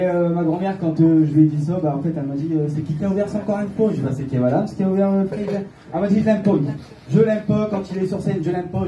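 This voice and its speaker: A man's voice: high voice, lo-fi sound. A young man from Calais with a northern French accent, doing a rambling stand-up set in a comedy club. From Calais, northern France. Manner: rambling, hesitant with frequent filler sounds. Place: comedy club stage, heard from the audience. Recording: echoey club audio from a distant mic. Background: audience laughter and room noise.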